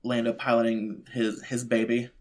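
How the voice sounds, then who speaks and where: A man's voice: medium pitch, monotone, normal speed, a little mellow. A man co-hosting a podcast who rambles in casual chat, full of "like" and "you know". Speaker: podcast co-host.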